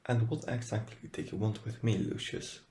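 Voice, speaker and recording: A man playing a grave old wizard headmaster in an audio drama, speaking softly and formally with a husky, breathy voice. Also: on the low side, steady tone. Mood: grave, quiet. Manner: soft-spoken, measured, formal. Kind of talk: fan audio drama acting.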